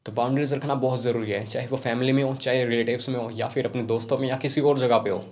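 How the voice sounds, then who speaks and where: A young man giving casual self-improvement advice to camera, talking rapidly and informally. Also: mid-range voice, steady tone, darkish tone. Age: young adult.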